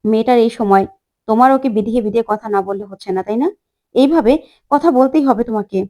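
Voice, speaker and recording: A woman's voice: on the high side, fast talker, warm tone, natural voice. A woman voicing a stern, preachy elderly grandmother in a retold family serial. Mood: scolding. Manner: lecturing, moralizing.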